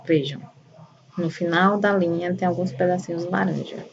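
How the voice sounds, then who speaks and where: A woman's voice: on the low side, fairly even intonation, moderate pace, creaky, muffled recording. A woman teacher giving a patient primary school lesson, walking through examples one by one. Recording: voice a bit far from the mic, faint room noise.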